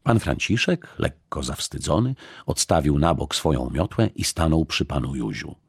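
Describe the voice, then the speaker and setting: A male audiobook narrator with an extremely deep, husky voice, reading in a measured and expressive way. The recording is close and completely dry, with no room sound. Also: no room sound. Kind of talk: scripted narration.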